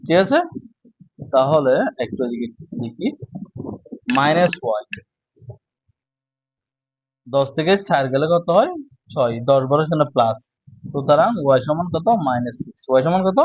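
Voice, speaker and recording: A man teaching a math lesson, speaking slowly and asking his own questions before answering them. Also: fairly high pitch, animated, no room sound, rough recording. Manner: slow, repetitive, asks and answers own questions. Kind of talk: casual classroom lesson.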